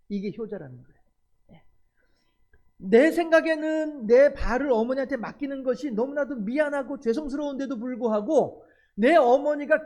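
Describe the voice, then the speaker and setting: A man's voice: very high voice, a little mellow. Korean male pastor telling a story. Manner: folksy storytelling, frequent affirming "예". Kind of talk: sermon with storytelling.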